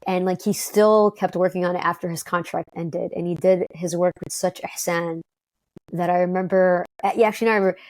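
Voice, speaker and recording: A woman from Detroit, talking as an interview guest in an upbeat, quick way with many fillers and restarts. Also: lowish voice, steady tone, a little mellow, dry recording. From Detroit, United States. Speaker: guest, company co-founder. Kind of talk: conversational interview.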